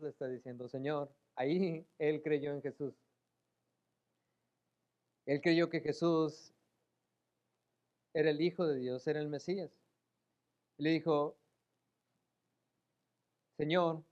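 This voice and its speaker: High-voiced preacher, emotional sermon. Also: male voice, steady tone, unhurried, pauses often, clear, resonant tone, muffled recording. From Mexico. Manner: emotional, acts out pleading voices, rises to loud emphatic peaks. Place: church sanctuary.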